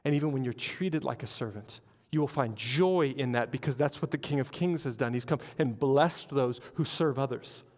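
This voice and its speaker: Male pastor, mid pitch, animated sermon delivery, reverberant church hall. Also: normal speed, hardly any pauses. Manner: animated storytelling with acted-out quotes.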